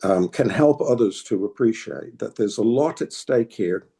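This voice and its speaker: A fairly low-pitched, expressive, creaky yet mellow voice belongs to an older political activist from New England, United States, who has a New England American accent. Speaking at a moderate pace in a reflective interview, he answers hesitantly and thoughtfully, often restarting.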